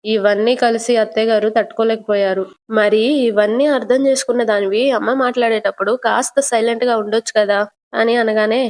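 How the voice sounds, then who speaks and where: High-voiced woman retelling a soap episode. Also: fairly even intonation, fairly quick, a little mellow. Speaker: serial recap vlogger.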